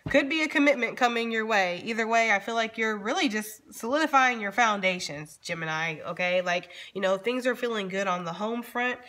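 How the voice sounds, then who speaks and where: A woman hosting a tarot channel gives a casual, chatty reading, speaking informally and straight to her viewers and checking in often with "okay?". Her voice is a little high and bright, animated and brisk, with hardly any pauses. Card shuffling and clicks sound in the background.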